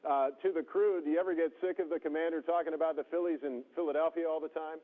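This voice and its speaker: A man's voice: fairly high pitch, steady tone, fast talker. Guy news interviewer on a crackly space radio link, tinny like a phone, formal careful questions. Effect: radio link to space station.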